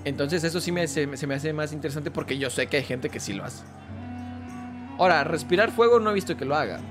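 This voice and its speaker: A man's voice: a little high, lively intonation, fairly quick, over music. A man with a Mexican accent, chatting casually and joking while he plays and comments on a game. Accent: Mexican Spanish. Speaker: gaming YouTuber.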